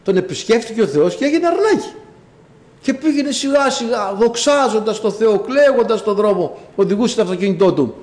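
Animated preacher with a high lively voice. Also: male voice. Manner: storytelling, swings between low asides and high cries. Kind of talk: sermon.

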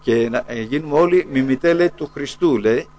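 A man preaching a sermon, who keeps tagging lines with a low, quiet "brothers, eh" and slows down to quote scripture. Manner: repeats "brothers, eh" as a dropping aside; rises in pitch when urging the listeners.

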